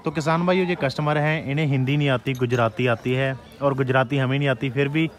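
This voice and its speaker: Steady mid-voiced male market host. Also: mid-range voice, fairly quick. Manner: plain and steady, addresses farmer brothers directly. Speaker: channel host. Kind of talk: presenting cattle rates to farmers. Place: outdoor cattle market.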